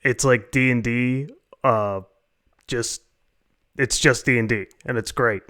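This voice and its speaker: A man's voice: medium pitch, steady tone, slow, sharp tone, smooth, no echo. A man hosting a live stream, chatting casually with friends and joking in a laid-back way. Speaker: streamer host.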